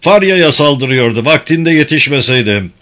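A man's voice: medium pitch, lively intonation, normal speed. A man voicing a flustered, panicking male prison guard in an audiobook. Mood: shouting. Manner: stammering, then shouting.

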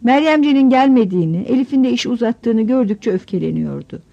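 A woman narrating a novel in measured storytelling, giving the characters voices. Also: fairly high pitch, lively intonation, creaky, dark tone. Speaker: audiobook narrator. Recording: dull lo-fi audiobook recording.

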